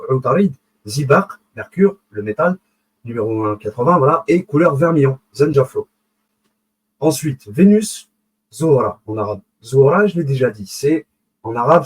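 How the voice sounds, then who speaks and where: A man's voice: mid-range voice, darkish tone, husky, rough recording. A man giving a casual live lecture, digressing, correcting himself, and checking in with his listeners as he goes. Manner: digressive, self-correcting, many fillers and restarts. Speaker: online lecturer on esoteric symbolism.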